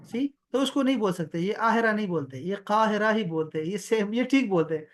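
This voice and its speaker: A man's voice: sits high, expressive. A man gives an online Arabic lesson over a video call. He explains patiently and drags out the words he wants the student to repeat. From Pakistan. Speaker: Arabic teacher. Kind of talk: online one-on-one language lesson.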